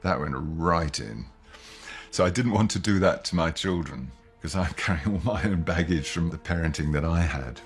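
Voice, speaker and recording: An older man, a parent, speaks in a documentary interview. His voice is very deep, and his delivery is measured and reflective. Soft music plays faintly behind him.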